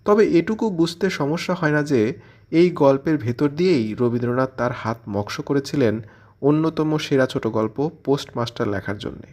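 Speaking at normal speed in a mid-range, slightly mellow voice, the male presenter of a literary audio channel reads a scripted commentary on literature. He explains as he goes, posing questions and then answering them.

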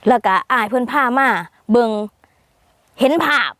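Chatty young Isan woman, high voice. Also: steady tone, moderate pace, a bit bright, no room sound, clean studio sound. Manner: playful, chatty, frequent polite particles. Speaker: vlogger interviewing a farmer. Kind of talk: casual chat.

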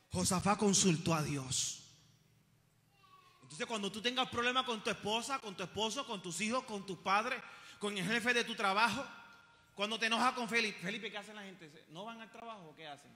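A man's voice: high voice, normal speed, long pauses, bright, forceful tone, big-room sound. A man preaching a sermon in a church, full of passionate rhetorical questions and humorous asides. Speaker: pastor. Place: church sanctuary.

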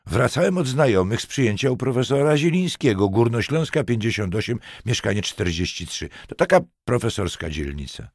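A man's voice: mid-range voice, very animated, fairly quick, few pauses, slightly rough, no room sound, studio quality, voice pushed up. Man playing an indignant, jittery driver. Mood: defensive. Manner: indignant, defensive. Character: agitated, indignant male driver.

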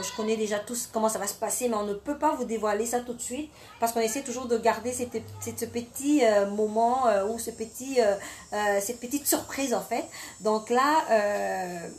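A woman's voice: fairly high pitch, moderate pace, a little mellow, slight background noise. A woman hosting an interview, effusive and chatty, with frequent fillers and restarts. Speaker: host, teacher.

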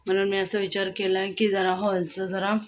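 A woman's voice: medium pitch, monotone, moderate pace. Chatty young Marathi mother vlogging. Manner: chatty, narrates chores as she goes. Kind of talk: casual home vlog narration. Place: home kitchen. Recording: loud background noise at home.

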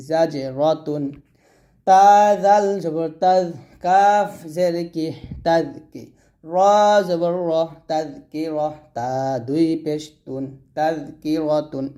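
A male teacher drills pronunciation at a very slow pace, sounding out each letter and vowel. His voice sits slightly high for a man, with a dark, mellow tone. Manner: slow, syllable-by-syllable drilling with brief asides. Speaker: Quran recitation teacher. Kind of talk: spelling-out pronunciation lesson.

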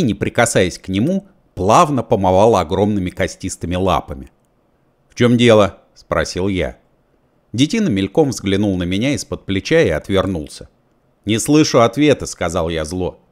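A low-voiced middle-aged man reads an audiobook, his pitch rising and falling with lively expression. He narrates evenly and then voices the hero's lines with feeling. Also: moderate pace. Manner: expressive, plays all the parts. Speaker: audiobook reader.

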